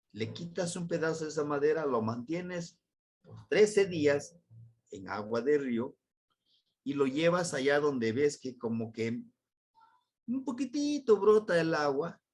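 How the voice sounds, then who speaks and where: A man with a Mexican accent teaching a Nahuatl language lesson in an unscripted, explanatory way, his voice leaping up on key words. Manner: patient, explanatory, voice leaps high on key words.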